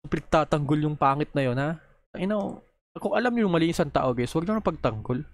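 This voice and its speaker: A man's voice: a little high, animated, quick pace. A man reacting on video in a heated, profane, scolding rant, talking straight into a close microphone. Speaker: video creator reacting to posts.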